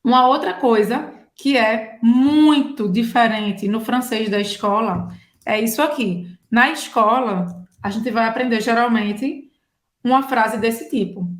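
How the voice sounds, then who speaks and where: A Brazilian woman with a Brazilian Portuguese accent, pitched a little high, teaches French in a relaxed online lesson. She explains patiently, keeps checking in with her listeners and acts out short everyday dialogues. Her voice rings in a somewhat echoey room. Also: a little slow.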